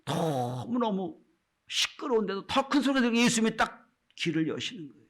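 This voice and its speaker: Man, pastor, sermon, fairly high voice, very lively pitch, loud calls and hushed whispers. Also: moderate pace. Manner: repeats and addresses the congregation often.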